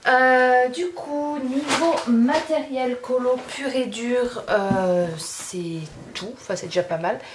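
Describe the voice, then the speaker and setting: A woman's voice: sits high, takes it slowly, few pauses, background noise. Chatty French woman rambling through a haul. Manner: rambling, many "euh" fillers and restarts. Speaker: craft youtuber showing art supplies. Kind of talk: casual haul video chat.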